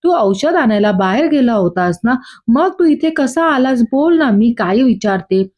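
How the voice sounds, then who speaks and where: A woman's voice: a little high, lively intonation, a little slow, a little mellow. A woman reading as a stern scolding mother. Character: angry mother scolding her son. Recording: dull lo-fi.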